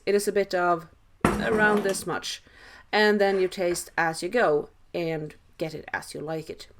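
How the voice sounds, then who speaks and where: A woman with a Swedish accent giving a casual cooking tutorial voice-over with dry, self-deprecating humour. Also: on the low side. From Sweden. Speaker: home cook, host.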